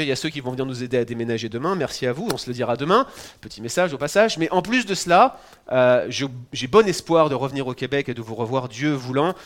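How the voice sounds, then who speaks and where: A French-accented male pastor in his forties preaches a sermon. He talks to the congregation in a relaxed, conversational way, teaching with humorous asides. His voice sits at an ordinary middle pitch. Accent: French (France). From France. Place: church in Quebec.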